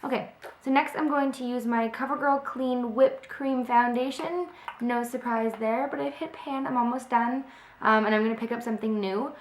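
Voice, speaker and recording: A young beauty vlogger who is slightly sick, her voice a bit off, chats casually through a makeup tutorial with frequent ums. She speaks at normal speed in a higher voice with fairly even intonation. She's filmed indoors on a close webcam in her home kitchen by a window, and the room sounds echoey.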